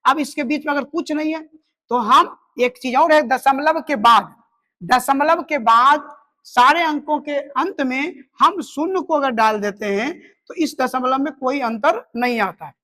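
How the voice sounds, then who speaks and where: A woman with a fairly high voice teaches a math lesson. She works through each step slowly and counts the digits out loud as she goes.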